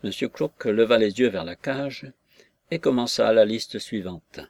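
A man's voice: fairly low pitch, unhurried, a little mellow. Man narrating a classic novel. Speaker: reader. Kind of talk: audiobook narration.

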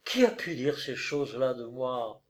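A man reading aloud and voicing a proud, wounded young noblewoman who answers in a raised, hushed, intense voice. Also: very deep voice, lively intonation, unhurried. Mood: defiant.

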